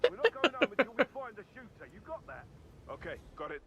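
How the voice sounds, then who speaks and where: High-pitched armed guard, game barks. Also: male voice, very animated, quick pace, lo-fi sound, a little hiss or hum, full character voice. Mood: commanding. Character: male armed guards barking tactical radio calls. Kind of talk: video game combat barks. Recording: loud game music over voice.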